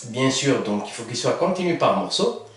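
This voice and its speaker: A man's voice: mid-range voice, very animated, moderate pace. Echoey, hesitant male math teacher. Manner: hesitant, many fillers and self-corrections. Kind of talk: whiteboard math lesson. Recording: echoey room, mic far off.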